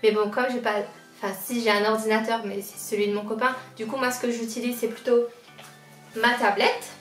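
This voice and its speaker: A woman's voice: on the high side, flat delivery, fairly quick, a bit bright. A woman in her twenties from La Réunion, casually showing off her school supplies in a vlog and repeating how much she likes each item. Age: 20s. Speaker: lifestyle vlogger. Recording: roomy sound, mic at a distance, faint background music.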